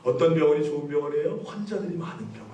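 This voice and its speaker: The recording is muffled: a pastor with a fairly high, warm voice races through his sermon in an echoey church sanctuary, the mic placed far away. He quizzes the congregation and escalates into emphatic passages.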